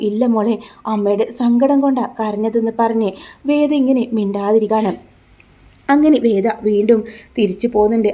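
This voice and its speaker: A woman's voice: mid-range voice, warm tone. A woman narrating a casual recap of a TV serial, reading out the characters' lines in her own voice and dropping in chatty tag words. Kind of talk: casual spoken story recap.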